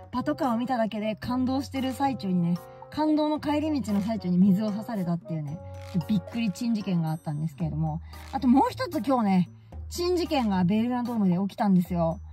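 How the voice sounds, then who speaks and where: A woman's voice: mid-range voice, expressive, quick pace, darkish tone, soft background music. A woman vlogger telling stories casually and animatedly, often exclaiming and laughing at herself. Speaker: baseball fan vlogger. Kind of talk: casual storytelling vlog.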